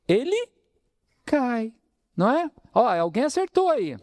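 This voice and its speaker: Brazilian male spiritist lecturer, animated pitch, dry close sound, preaching with rhetorical questions. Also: slow, no echo. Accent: Brazilian Portuguese, São Paulo interior. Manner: lively preaching, addresses audience as brothers, asks rhetorical questions. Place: spiritist center hall.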